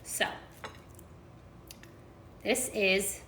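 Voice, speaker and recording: A woman's voice: extremely slow, sharp tone, reverberant, slight background noise. A woman chatting casually to viewers during a live stream as she makes breakfast in her kitchen, full of fillers and asides. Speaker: food and nutrition creator. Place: home kitchen.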